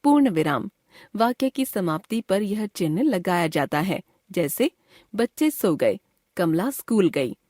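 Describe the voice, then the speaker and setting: A woman teacher reading a scripted grammar lesson in a clear, measured way. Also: medium pitch, very animated, a little mellow, no echo, studio quality. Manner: clear, measured classroom explanation.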